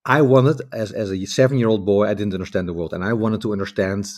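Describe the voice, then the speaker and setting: A Dutch man from the Netherlands speaks English as a guest author over a video call, in casual conversation. His voice is on the low side and darkish, with a quick pace, and he rambles reflectively with many restarts.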